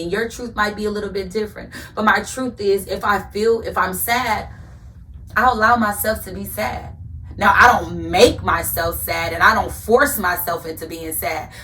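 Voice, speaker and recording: A woman's voice: fairly low pitch, pushed and bright, distant mic, slight background noise. A woman hosting a podcast, giving an earnest faith-based motivational talk and repeating phrases for emphasis like a preacher. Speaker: podcast host.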